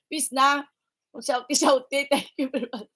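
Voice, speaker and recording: With a high, pushed and bright voice at normal speed and fairly even intonation, a woman banters with viewers on her casual livestream. She greets them, teases them and drops in English phrases.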